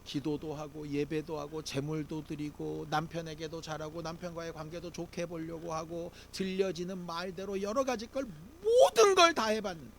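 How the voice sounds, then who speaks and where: A man's voice: fairly high pitch, flat delivery, normal speed, gravelly, hardly any pauses, a little hiss or hum. A man preaching a Sunday sermon as pastor, talking in a conversational way with rhetorical questions and leading the congregation in reading scripture aloud.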